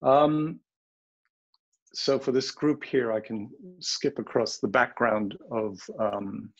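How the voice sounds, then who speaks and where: A man speaks at a panel over a video call, frank and opinionated, stopping often to hunt for words. His voice is gravelly with a husky edge. The call audio sounds dull and lo-fi. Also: mid-range voice, slow. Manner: hesitant, many ums, frank and opinionated. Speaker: panel speaker, wildlife health director. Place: home or office in the Bronx.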